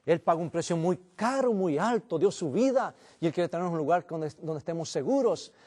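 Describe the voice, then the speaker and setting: A man's voice: on the high side, animated, fairly quick, darkish tone. A man preaching an earnest sermon as pastor in a church, addressing the congregation as brothers.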